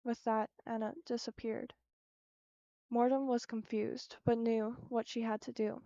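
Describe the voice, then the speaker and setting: A woman reading her own short story aloud at a steady, careful pace. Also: fairly high pitch, a little slow, dry recording, muffled recording.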